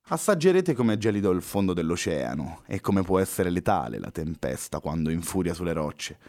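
A man's voice: low-pitched, sing-song, a little fast, darkish tone. A man reading a story aloud, voicing an arrogant, cold male villain who threatens and sneers. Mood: scornful.

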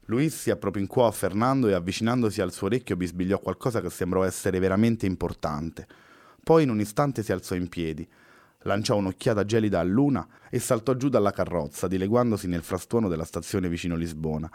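Male storyteller, lowish voice, steady audiobook reading. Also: a little fast, dry recording. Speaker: narrator. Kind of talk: audiobook narration.

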